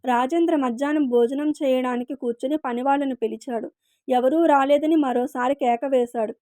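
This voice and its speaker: Woman reading a story aloud, high pitched but mellow, dry close mic. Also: steady tone, normal speed, dry recording. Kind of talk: scripted story narration.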